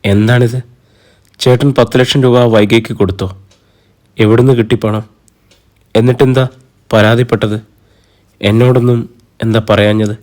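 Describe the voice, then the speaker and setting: A man's voice: medium pitch, steady tone, normal speed, long pauses, darkish tone, natural voice. A man voicing a distraught mother who accuses her husband of betrayal. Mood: shocked.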